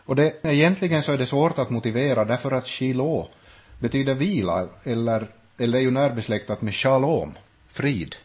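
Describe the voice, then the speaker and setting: Husky man teaching Bible study. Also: fairly low pitch, darkish tone. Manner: thoughtful, with frequent restarts and hesitations. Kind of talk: unscripted Bible study talk.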